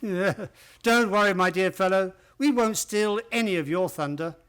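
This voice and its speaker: Man playing high-pitched, genial gentleman doctor. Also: moderate pace, clean tone. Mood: friendly. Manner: genial, courteous, old-fashioned. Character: genial, loyal gentleman doctor, the detective's companion. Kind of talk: radio play acting.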